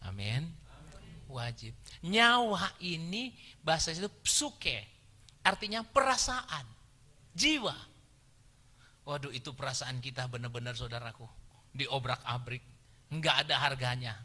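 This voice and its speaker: A middle-aged man preaching a sermon as pastor, animated, moving between hushed asides and loud exclamations. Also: medium pitch, a little slow, long pauses. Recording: reverberant church hall.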